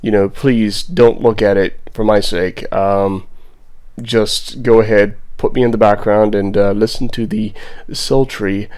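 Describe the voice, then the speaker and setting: Low-voiced man with a Bermudian accent. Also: fairly even intonation, unhurried, a little mellow, clear, resonant tone. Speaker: digital artist and vlogger. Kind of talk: casual vlog commentary over a drawing.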